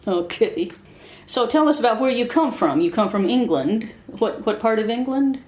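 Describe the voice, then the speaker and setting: An American woman hosting a casual interview, explaining things to listeners in a halting, self-correcting way. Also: fairly high pitch, lively intonation, a little mellow, a little hiss or hum. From Arkansas, United States. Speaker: host, interviewer. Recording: echoey room.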